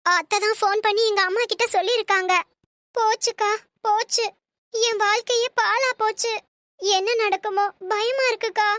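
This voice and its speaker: A cartoon young wife, squeaky high, sharp bright tone, dry close sound. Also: female voice, fairly even intonation, normal speed, no echo. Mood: scared. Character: young wife, anxious and defensive. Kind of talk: cartoon voice acting.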